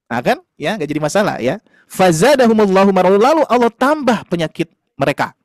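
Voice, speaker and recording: A man's voice: high-pitched, very animated, a little fast, no echo, clean studio sound. A man teaching a Quran class online, explaining patiently to parents with many fillers and tag questions. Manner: patient, explanatory, addresses parents warmly as "Ayah Bunda".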